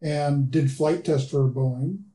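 Male guest, slightly high but warm voice, rambling with fillers, roomy echo. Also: takes it slowly. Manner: rambling, lots of "uh" and "you know". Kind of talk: casual interview chat.

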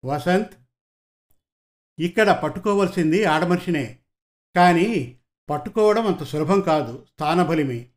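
Male narrator doing a steady, in-charge lead detective for an audio story; firm and unhurried, voice a little high. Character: calm, commanding male senior detective.

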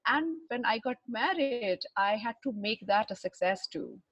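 A middle-aged woman from Bihar with an educated Indian accent, telling her life story in a halting, reflective way, searching for words. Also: fairly high pitch, animated, fairly bright tone, dry recording, poor audio. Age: 40s or older. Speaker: interview guest, runner and fitness trainer. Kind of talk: personal life story in conversation.

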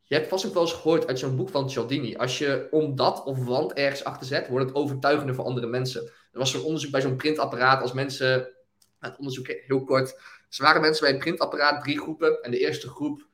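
A young man, a business owner and guest, telling his story in a casual interview with animated energy and frequent laughs. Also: mid-range voice, fairly quick, roomy sound. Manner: animated storytelling, laughs often, fillers like "weet je wel".

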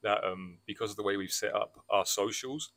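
Wry, low-voiced podcast man. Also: normal speed, fairly bright tone. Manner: wry, self-mocking, laughs at own jokes. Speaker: podcast co-host. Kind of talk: casual chat.

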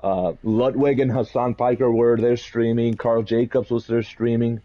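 A man from Puerto Rico co-hosting a podcast, telling stories in an animated, rambling way with quick laughs. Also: mid-range voice, highs cut off. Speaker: podcast co-host. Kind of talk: casual chat.

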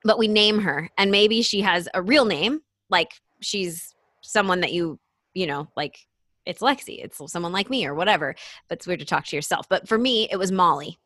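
A woman's voice: fairly low pitch, expressive, moderate pace, a bit bright, no room sound, clean studio sound. A young woman hosting a podcast in a casual chat, talking loosely with many "like" fillers and frequent laughs. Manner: chatty, lots of "like" fillers, laughs often. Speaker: podcast host and coach.

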